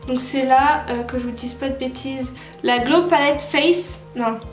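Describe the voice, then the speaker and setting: A young French woman with a high-pitched voice chats casually at a measured pace while doing a makeup tutorial as a beauty vlogger. She uses lots of fillers and self-corrections, and the recording has a roomy echo with soft music behind it.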